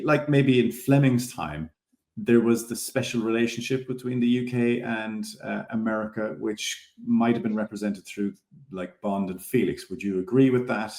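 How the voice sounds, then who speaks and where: A man's voice: lowish voice, moderate pace, darkish tone, echoey room. An Irish man co-hosting a casual podcast chat, thinking aloud with fillers as he asks questions. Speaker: podcast co-host.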